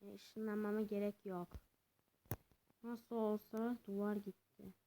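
A young woman giving casual, excitable commentary while playing a video game, swinging between cheering and complaining. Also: medium pitch, slow, slight background noise. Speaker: gameplay commentator.

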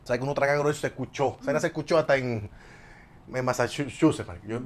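A young Venezuelan man telling a breathless story at a quick clip and playing every part in the dialogue himself. His pitch sits in the middle, and a faint hum of noise runs under the recording. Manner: fast, animated, acts out quoted dialogue. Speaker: guest. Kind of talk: casual storytelling.

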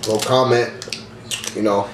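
A young man chatting casually while chewing candy, relaxed and slangy as he tastes snacks. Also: fairly low pitch, unhurried. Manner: relaxed, slangy, talks through bites. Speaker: co-host of a snack-tasting video. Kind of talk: casual chat. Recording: echoey room with background noise.

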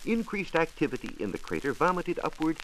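Pitched on the high side and a bit bright, this American man is very animated and slightly quick. As a science reporter narrating a scripted 1940s radio programme, he stays formal, precise and emphatic, captured on a faintly noisy transcription disc of that era.

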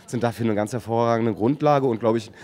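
A man's voice: mid-range voice, fast, a little mellow. A man making a fluent, formal statement. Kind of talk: event statement.

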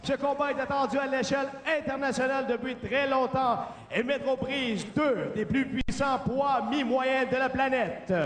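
A man working as a ring announcer, giving formal fight introductions in a drawn-out, theatrical delivery. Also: very high-pitched, fairly bright tone. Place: large indoor arena. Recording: echoey arena PA, distant, faint noise.

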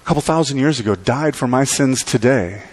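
A middle-aged pastor preaching an animated sermon from a church pulpit, with dramatic pauses and sweeping gestures. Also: male voice, mid-range voice.

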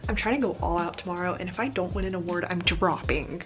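A young American woman with a fairly low voice vlogs from a small bedroom with music clearly playing behind her. She talks in a casual, chatty, bubbly sorority-girl manner, camera held at arm's length. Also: fast talker. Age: early 20s. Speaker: vlogger, college sorority member. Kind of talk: casual vlog chat.

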